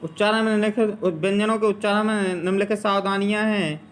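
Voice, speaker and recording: A man's voice: sits high, fairly even intonation, quick pace. A man teaching a grammar lesson, carefully saying word pairs one after another to drill pronunciation.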